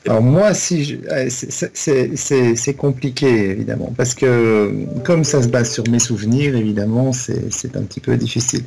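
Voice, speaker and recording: Man in his forties co-hosting a chat podcast, gravelly voice, mid pitch, halting and full of restarts. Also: warm tone, faint music behind. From Belgium. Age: 40s. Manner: halting, many restarts and fillers. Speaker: podcast co-host. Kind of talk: casual chat.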